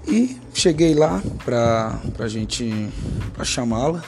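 A man's voice: medium pitch, slow, gravelly, music in the background. A man in his thirties with a Brazilian Portuguese accent, telling a bawdy personal anecdote in a joking, casual way. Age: 30s. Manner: bawdy, joking, lively storytelling. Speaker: storyteller.

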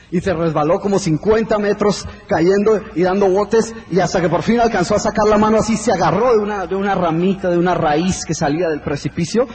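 A man's voice: a little high, darkish tone. A man giving a live motivational talk to an audience in a large event hall, emphatic and repetitive, speaking straight to the crowd.

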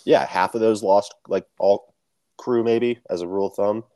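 A man's voice: fairly low pitch, steady tone, normal speed, dark tone, no room sound, studio quality. A young man co-hosting a casual podcast, chatting about history and joking with his co-host. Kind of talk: casual chat.

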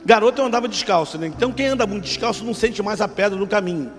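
Man, middle-aged, Rio de Janeiro accent, preacher, fervent sermon, hushed to loud, long hall echo. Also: high-pitched, rapid-fire. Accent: Rio de Janeiro Portuguese. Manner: fervent, calls listeners brother, swings from hushed to loud. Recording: long hall reverb with faint music.

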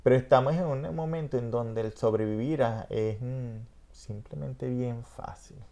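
A middle-aged Venezuelan man hosts a podcast, his medium-pitched voice gravelly and dark at a measured pace. The casual conversation is reflective and rambling, peppered with "¿entiendes?"

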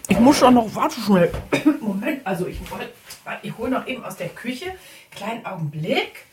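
A woman voicing a gentle mother who coaxes and fusses a little, slightly raised from her own voice. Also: on the high side, animated, moderate pace, a crowd in the background, pitched above the performer's own voice, lightly acted. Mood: flustered.

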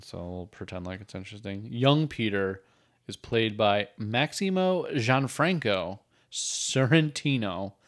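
A man co-hosting a casual movie podcast, laid-back and profane, often mimicking film characters. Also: fairly low pitch. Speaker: podcast co-host.

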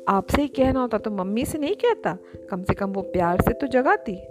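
A woman's voice: fairly high pitch, animated, normal speed, music in the background, lightly acted. A woman voicing a stubborn little boy who whines and pleads in a storybook tale. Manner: whiny, pleading.

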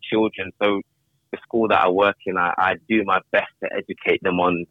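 A man's voice: deep voice, fairly even intonation, normal speed, narrow, tinny audio. A young man chatting as a guest on a podcast, reflective and hesitant, often repeating words as he thinks. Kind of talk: casual podcast conversation.

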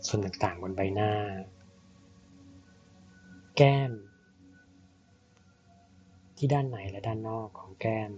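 A man guides a sleep relaxation meditation in a soft, soothing manner, leaving long pauses between short phrases. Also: fairly low pitch. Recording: dull muffled recording with music behind. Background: clear background music.

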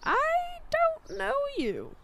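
A woman's voice: extremely high pitch, huge pitch swings, vocal fry, background noise, exaggerated voice. A woman playing a frightened, wary young woman in danger in a horror audio drama, speaking hesitantly. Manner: hesitant, halting.

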